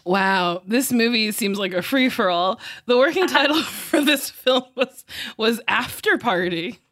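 A woman's voice: a little high, lively intonation, measured pace, a bit bright, no room sound, studio quality. A woman co-hosting a podcast in casual chat, bubbly and full of playful quips. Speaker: podcast co-host.

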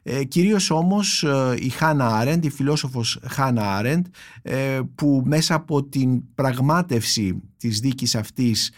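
A man hosting a book podcast, reading a poem in a calm, measured voice before moving on to recommendations. His pitch sits in an ordinary middle range, and he talks with reflective pauses and soft fillers. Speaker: podcast host, book critic.

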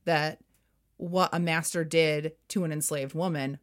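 A woman co-hosting a history podcast, explaining in a measured way, with some vocal fry. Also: low voice, fairly even intonation. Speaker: podcast co-host. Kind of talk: casual history podcast discussion.

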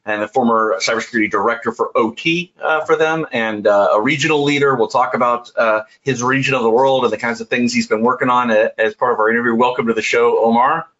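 A man's voice: medium pitch, fairly even intonation, fast, hardly any pauses, a bit bright. Hesitant male podcast host, lo-fi sound. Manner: hesitant, many fillers and restarts. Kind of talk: interview conversation.

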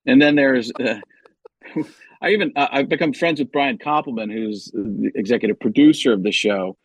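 A man's voice: mid-range voice, moderate pace, slightly rough, no echo. A man, a comedian and impressionist, chatting loosely in an interview, self-deprecating and often restarting his sentences. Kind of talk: casual interview chat.

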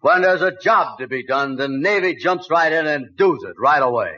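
Bluffing, dim-witted sailor, muffled radio. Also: male voice, a little high, animated, normal speed, sharp tone. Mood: nervous. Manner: hesitant, folksy, ungrammatical bluffer. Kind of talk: 1940s radio comedy acting. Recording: noisy muffled 1940s radio recording.

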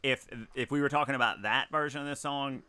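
A male podcast host with a bright, crisp voice, recorded dry and close. He chats casually and wryly about music, sharing blunt opinions. He laughs easily. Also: mid-range voice, fairly even intonation, no echo. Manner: wry, opinionated, quick to laugh.

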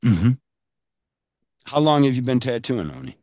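A man's voice: medium pitch, big pitch swings, measured pace, darkish tone, no room sound. Guy hosting a chill interview, rambles and restarts a lot, dry close sound. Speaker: podcast host. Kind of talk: casual interview.

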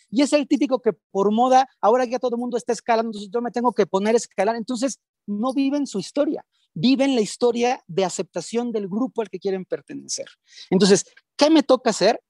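A Mexican woman speaks as the guest expert in an interview, laying out her ideas with emphatic, instructive energy and plenty of everyday examples. Her voice is mellow and warm. The recording is dry and close, with almost no room sound. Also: on the high side, no echo. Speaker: guest therapist. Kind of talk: teaching in an interview.

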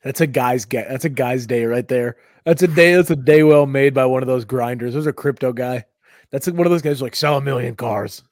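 A man's voice: mid-range voice, fairly quick, no room sound. A casual podcast host, a man with an everyday mid-range voice. He rambles and tells stories with energy. The sound is dry and close to the mic. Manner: rambling, animated storytelling with put-on voices. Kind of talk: casual chat.

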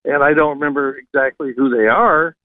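A man calling a radio show from his car, chatting haltingly as he gropes for words. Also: mid-range voice, no room sound. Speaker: radio call-in listener. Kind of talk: unscripted phone-in chat. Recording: narrow tinny phone line.

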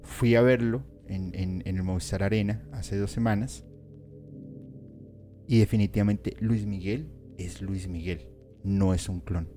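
A man hosts a live-streamed mystery commentary and keeps turning to his viewers. His voice sits a little low and sounds warm and mellow. Faint music plays softly behind him. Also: steady tone, a little slow. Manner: chatty, addresses viewers directly.

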